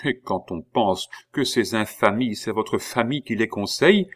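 A man voicing a proud, bitter queen in an audiobook reading, snapping sharp, indignant retorts. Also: lowish voice, expressive, moderate pace. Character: Queen Marie-Antoinette, proud, bitter, quick to anger.

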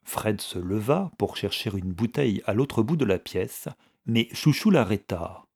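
A man reading a novel aloud as narrator, measured and steady. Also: lowish voice, vocal fry, breathy edge.

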